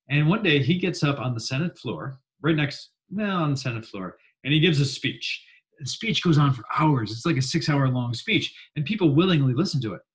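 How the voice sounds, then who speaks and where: A man's voice: mid-range voice, poor audio. Casual jokey male history teacher. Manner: casual, jokey, acts out quotes in mock voices. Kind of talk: classroom lecture.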